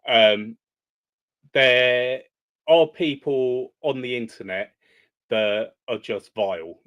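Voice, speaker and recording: A man hosting a reaction video, speaking in a measured, hesitant way with frequent pauses and ums. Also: medium pitch. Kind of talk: commentary on a played video.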